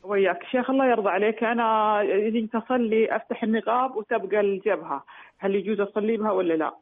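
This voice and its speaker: A woman's voice: mid-range voice, quick pace. A middle-aged woman calling in to a radio show, who explains her question hesitantly and restarts her sentences often. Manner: hesitant, restarting, recounting at length. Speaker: caller. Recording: tinny phone line.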